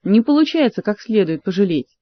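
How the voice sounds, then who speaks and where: A woman's voice: mid-range voice, sing-song, a little fast, no room sound, highs cut off. A woman doing a stern, sensible queen. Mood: explaining.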